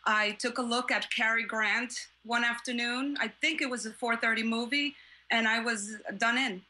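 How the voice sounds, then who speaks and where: A woman's voice: fairly high pitch, steady tone, normal speed, pushed and bright. A woman born in Cuba and raised in New York, a classic film fan, answering interview questions over a video call with frequent hesitations. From born in Cuba, grew up in New York. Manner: hesitant with many fillers, enthusiastic.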